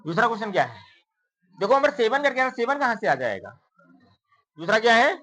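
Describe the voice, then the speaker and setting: A woman's voice: a little high, very animated, fairly quick, a bit bright, poor audio. Woman teacher counting aloud to pupils. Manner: counts digits aloud and quizzes students with repeated questions; calls pupils "beta" in a coaxing tone. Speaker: math teacher. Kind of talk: classroom lesson. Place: classroom.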